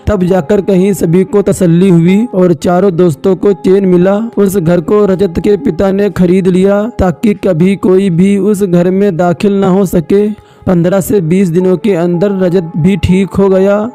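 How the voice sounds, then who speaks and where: A man narrating a scripted horror story slowly and dramatically. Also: high-pitched, level tone, mellow, faint music behind.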